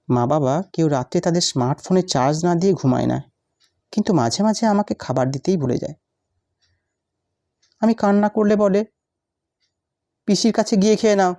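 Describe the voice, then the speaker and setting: A woman's voice: fairly low pitch, warm tone, natural voice. A woman reciting as a lonely little schoolgirl. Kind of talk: recited written story.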